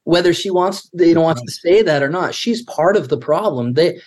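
A man's voice: fairly high pitch, expressive, moderate pace. A man co-hosting a podcast in casual discussion, earnest, who restarts his sentences often while thinking aloud. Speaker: podcast co-host.

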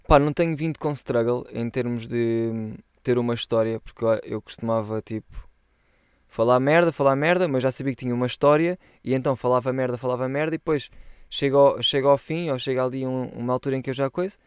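A man's voice: medium pitch, darkish tone, smooth, no room sound, studio quality. A young man chatting casually on a solo podcast, rambling in loose slang and swearing freely. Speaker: podcast host.

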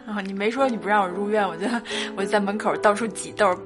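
A woman's voice: mid-range voice, steady tone, over music. A woman co-hosting a podcast, throwing in teasing jokes and short questions during casual chat. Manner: teasing, quick joking interjections. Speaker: podcast co-host.

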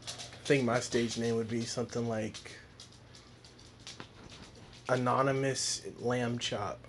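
A man's voice: medium pitch, fairly even intonation, slow, slight background noise. A young man co-hosting a casual podcast, teasing and laughing a lot. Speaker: podcast co-host. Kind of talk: casual chat.

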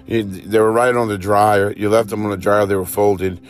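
A man's voice: lowish voice, flat delivery, normal speed. A man preacher telling a vivid second-person story in a sermon, acting out urgent cries as it builds.

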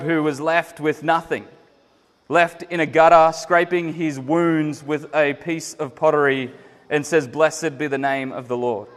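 A man preaching a sermon in an earnest, emphatic way, swelling louder on key phrases and then dropping soft. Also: fairly high pitch. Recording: echoey hall with long reverb.

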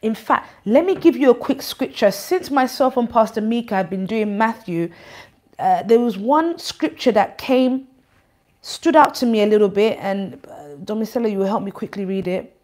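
A woman's voice: on the high side, lively intonation, normal speed, darkish tone. A woman pastor with a lisp, exhorting church members on a live stream in a firm, directive way and repeating her key points. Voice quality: lisp, from awaiting braces or dental appliance.

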